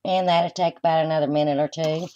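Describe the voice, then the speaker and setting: Standing at her stove, a woman who hosts a home cooking show walks through the steps in a plain, folksy way. She talks fast in a low, dark voice with fairly even intonation. The recording is dull lo-fi camera audio full of kitchen noise.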